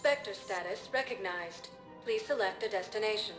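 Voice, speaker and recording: A woman voicing the female computer voice of an elevator's automated announcement system, speaking calmly and evenly. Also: mid-range voice, moderate pace, echoey room, over music. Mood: announcing. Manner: calm, even, automated announcer. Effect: public address announcement.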